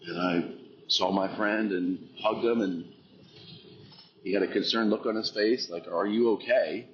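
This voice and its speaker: A man's voice: deep voice, dull audio, a little hiss or hum. A man earnestly recounting a personal experience, intense and reflective, repeating phrases for emphasis.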